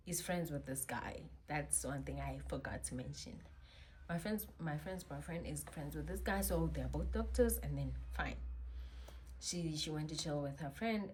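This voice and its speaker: A young woman telling a personal story in a vlog, animated and slangy, with sudden loud bursts. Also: low-pitched, slight background noise. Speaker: vlogger.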